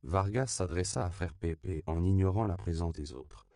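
Deep, gravelly male narrator. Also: normal speed, mellow, dry recording. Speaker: audiobook narrator. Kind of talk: scripted narration.

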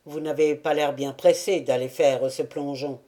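A woman reading the part of a surly, brooding old male buccaneer gunner, voiced lower and grumbling. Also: unhurried, mellow. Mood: gruff.

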